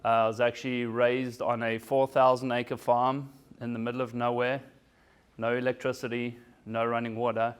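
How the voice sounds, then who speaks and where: A South African keynote speaker in his forties, whose first language is German, gives a casual motivational talk to a business audience. He pokes fun at himself and keeps asking "right?" His voice is medium-pitched with little pitch movement, at a normal speed and with a clean tone.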